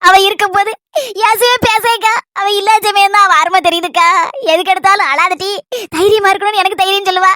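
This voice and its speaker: A woman's voice: very high-pitched, fairly even intonation, quick pace, sharp tone, no echo, studio quality. A woman with a Kanyakumari Tamil accent, performing a one-person village comedy skit in a lamenting, complaining manner.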